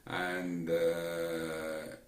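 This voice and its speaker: Halting deep-voiced Egyptian man. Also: monotone, reverberant. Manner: halting, many pauses and restarts, broken grammar. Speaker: agribusiness guest expert. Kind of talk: casual interview talk.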